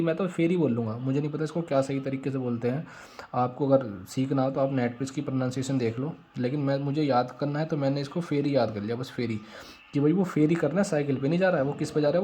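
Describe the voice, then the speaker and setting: Man, mellow voice, vocabulary teacher, repetitive drilling, faint background hum. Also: medium pitch. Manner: repetitive, drills rhyming memory tricks. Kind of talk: casual explanatory lesson.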